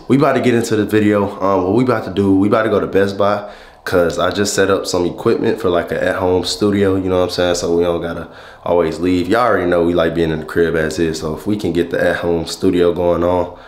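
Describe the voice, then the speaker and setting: A young adult man with a congested, stuffy nose vlogs into a handheld camera held at arm's length, his voice low and steady and a little fast. He chatters in laid-back slang with hyped greetings, first in a small, echoey indoor room and then in a big electronics store.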